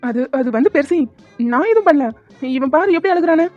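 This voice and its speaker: Woman voicing a high playful young uncle. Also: animated, brisk, soft background music. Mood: flustered. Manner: teasing, joking. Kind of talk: cartoon voice acting. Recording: dull lo-fi recording.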